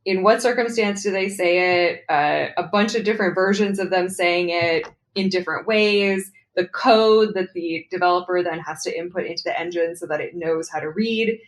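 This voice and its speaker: A woman's voice: on the low side, moderate pace, few pauses. A young adult woman, a writer guest in a casual interview, explaining her work in a chatty way and laughing often. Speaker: guest, writer for comics and games.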